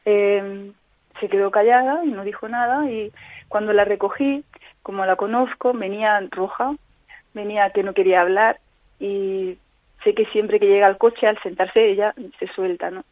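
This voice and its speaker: A woman tells her story in an interview. She speaks earnestly, pausing and restarting often. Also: medium pitch, no echo. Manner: earnest, halting, frequent restarts. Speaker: guest, mother living with chronic pain. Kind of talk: personal account in a call-in interview. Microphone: telephone. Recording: tinny phone line on radio.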